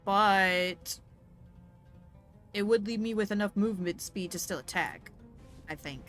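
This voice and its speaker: Woman, bright voice, chatty game commentary, playful outbursts, faint music behind. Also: mid-range voice, a little slow. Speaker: gaming streamer. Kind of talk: casual let's-play commentary.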